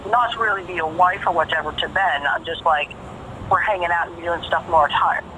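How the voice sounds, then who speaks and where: A woman's voice: lowish voice, brisk, pushed and bright, slight background noise. A woman talking casually on a phone call, emphatic and profane, repeating phrases for stress. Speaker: caller.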